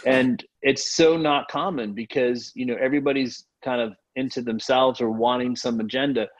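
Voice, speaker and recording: A man raised in Haiti talks earnestly as a podcast guest about faith and generosity in a casual conversation, his speech full of fillers and restarts. His mid-range voice is steady at a normal speed, and the audio sounds dull.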